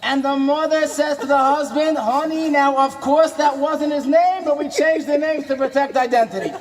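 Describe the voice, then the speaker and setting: A man doing a comic impression of an impassioned, warm, questioning rabbi, telling inspirational stories with dramatic, preacherly refrains. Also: very high voice, moderate pace. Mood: dramatic storytelling.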